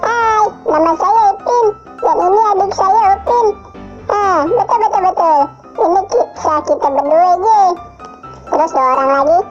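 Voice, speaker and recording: A man's voice: moderate pace, lo-fi sound, music in the background. A man talking through a sped-up chipmunk voice changer, playfully repeating a short bit for a demo. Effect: sped-up squeaky chipmunk voice changer.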